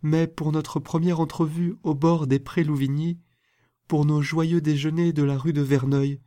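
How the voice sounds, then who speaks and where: A man's voice: high-pitched, fairly even intonation, measured pace, a little mellow, no echo, studio quality, voice pushed up. A man reading aloud voices a proud, passionate young woman in a storybook, with an impassioned, theatrical delivery. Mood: softening.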